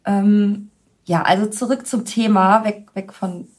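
A woman's voice: medium pitch, steady tone, unhurried, a little mellow. Woman, podcast host, chatty, laughs often, casual storytelling.

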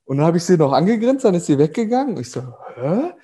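Mellow-voiced man telling a story. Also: high-pitched, big pitch swings, rapid-fire. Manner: chatty, lots of fillers and quoted dialogue. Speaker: podcast guest. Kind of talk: casual storytelling in a podcast conversation.

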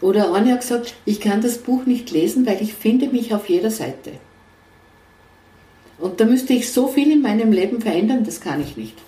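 A woman's voice: fairly high pitch, lively intonation, normal speed, dark tone. A woman, a guest coach telling earnest stories and quoting others in a conversational interview. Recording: roomy, somewhat distant mic.

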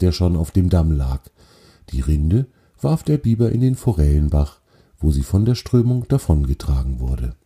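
A man reading a children's story aloud in a calm, gentle and expressive way. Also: low-pitched, slightly rough.

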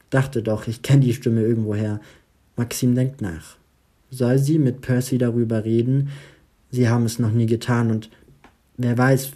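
A man's voice: mid-range voice, dark tone. A man narrating an audiobook in a dramatic storytelling manner. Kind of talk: audiobook reading.

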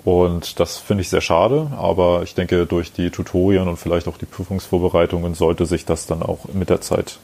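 A young male student answers a radio interviewer. His voice is very deep, with a dark, mellow tone. He speaks in measured, formal sentences. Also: flat delivery, gravelly.

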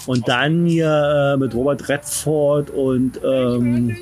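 A man's voice: medium pitch, steady tone, slow pace, darkish tone. A man co-hosting an outdoor podcast, rambling casually with many hesitations and restarts. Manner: rambling, lots of fillers and restarts. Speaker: podcast co-host and author. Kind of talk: casual chat. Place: outdoors on his own estate.

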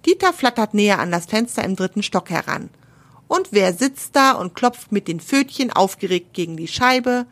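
A woman's voice: mid-range voice, sing-song, normal speed, fairly bright tone, no echo. A woman narrating a children's animal story, stopping to explain words to young listeners.

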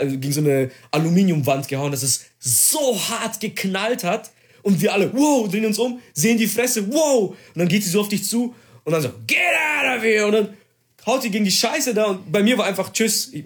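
A young man in casual chat, telling a story with excitement, slang and swearing. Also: sits high.

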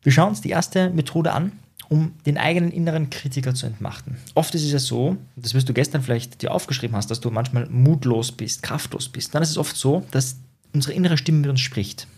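A man's voice: a little high, a little fast, darkish tone, slightly rough. A man speaking as a psychologist and coach, giving a motivational self-help lesson that he addresses straight to the listener with frequent tag questions.

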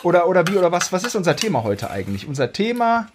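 A man's voice: sits high, very animated, rapid-fire, background noise. A man co-hosting a podcast in casual chat, talking in a rambling, tongue-in-cheek way. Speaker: podcast co-host.

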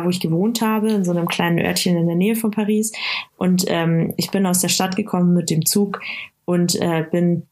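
A woman recounting a personal experience in a casual conversation, pausing often with fillers and starting sentences over. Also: fairly low pitch, darkish tone. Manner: halting, many fillers and restarts. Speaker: interview guest.

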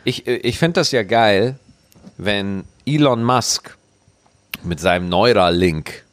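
A man's voice: fairly low pitch, expressive, slow. A man co-hosting a podcast in casual, joking banter, with a speech impediment that keeps him from pronouncing R properly. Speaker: podcast co-host.

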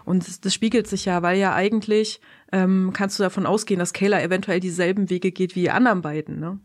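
A woman's voice: fairly low pitch, fairly even intonation, fast talker, dry recording, clean studio sound. A woman reviewing a film in casual conversation, thinking aloud and often searching for words with many hesitations.

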